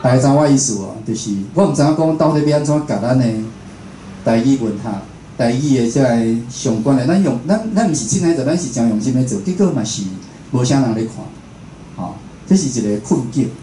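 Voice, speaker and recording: Speaking in a mid-range voice that is animated, brisk and warm, a Taiwanese man who hosts radio delivers a conversational, informal lecture. He's at an indoor talk venue before a live audience, recorded in an echoey room with clear background noise.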